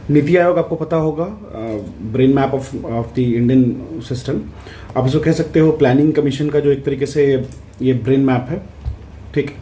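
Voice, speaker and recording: A man, an exam prep tutor, explaining answers in a casual lesson, checking in often and reading questions out slowly. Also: medium pitch, dark tone, slight background noise. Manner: conversational, repeats "ठीक है" to check in, reads English questions out slowly.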